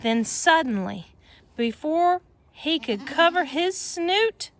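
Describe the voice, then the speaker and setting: Outdoors on a farm with goats, a woman reads a rhyming picture book to children in an expressive sing-song way, adding chatty asides. Her voice is high-pitched and her pace slow.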